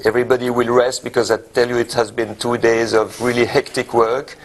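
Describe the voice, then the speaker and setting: A man, a pilot, explains himself in an interview, halting with filled pauses and restarts. His pitch sits in the middle range for a man. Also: level tone, rough recording. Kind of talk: interview statement.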